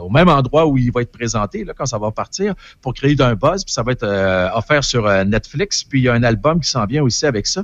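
A man with a Québécois French accent talks through his entertainment column in a loose, chatty way, full of opinions and side remarks. His voice is recorded dry and a little dull, like lo-fi broadcast audio, with a mid-range pitch. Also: dry recording. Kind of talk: casual radio chat.

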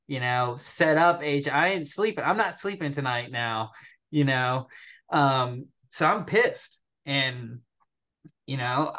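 A young man, a military veteran, telling a story on a podcast in a profane, animated way, laughing as he goes. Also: mid-range voice. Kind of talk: casual storytelling.

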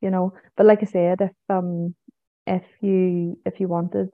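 Heard through a tinny, phone-like connection with no echo, a Northern Irish psychic medium gives a casual podcast interview. Her lowish voice keeps a level tone and measured pace, and she often repeats herself, adding "you know" and "so it is."

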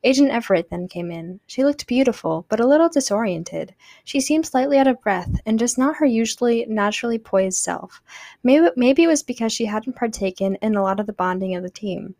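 A woman hosting a fiction podcast, reading the story aloud in a plain, steady scripted narration. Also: mid-range voice, dry recording, clean studio sound.

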